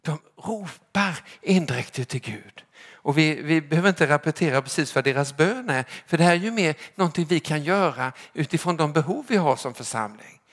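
A man preaching a sermon to his congregation, emphatic and rhetorical, often asking "right?" and swinging between loud calling out and quiet drops. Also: fairly high pitch, expressive. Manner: emphatic, rhetorical, repeating "eller hur?".

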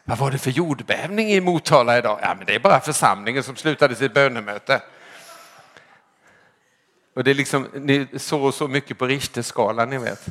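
A man preaching a sermon to his congregation, emphatic and rhetorical, often asking "right?" and swinging between loud calling out and quiet drops. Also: medium pitch. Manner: emphatic, rhetorical, repeating "eller hur?".

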